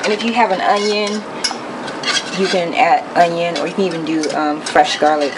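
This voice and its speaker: Young woman, lowish voice, home-cooking vlogger, casual how-to talk, loud pan clatter behind. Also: normal speed. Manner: relaxed step-by-step explaining with fillers. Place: home kitchen at the stove. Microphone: camera held over the counter. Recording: loud kitchen noise behind voice. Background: pots, pans and sizzling.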